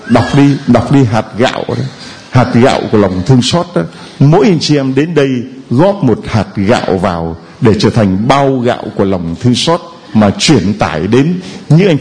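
Priest exhorting a congregation. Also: male voice, medium pitch, darkish tone, rough recording. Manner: exhorting, prods with short questions. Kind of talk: sermon and questioning a congregant.

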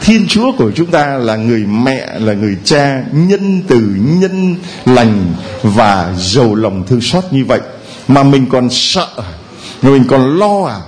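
Lively, playful male priest preaching. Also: mid-range voice, unhurried. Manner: playful and humorous, acting out quoted voices. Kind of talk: sermon to a congregation.

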